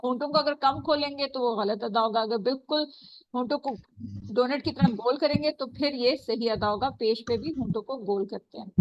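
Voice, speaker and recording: A woman teaching an online Quran recitation class over a video call, calling on students and modelling recitation slowly. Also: on the high side, no echo. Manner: patient, calls on students, models slow recitation. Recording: dull video call audio.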